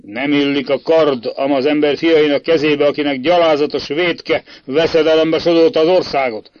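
A man voicing an angry, stern prince who scolds loudly and commands. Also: a little high, fairly even intonation, no echo, close to an everyday voice. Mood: stern scolding. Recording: dull lo-fi dry recording.

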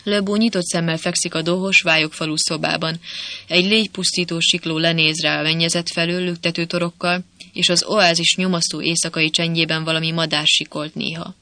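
Bright, dry-voiced audiobook narrator. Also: mid-range voice, level tone, dry recording. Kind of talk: scripted narration.

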